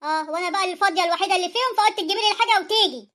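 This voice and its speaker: A woman's voice: very high-pitched, very fast, a bit bright. A woman voicing a rude, impatient young daughter-in-law in an Egyptian cartoon story, snappy and dismissive, with an Egyptian accent.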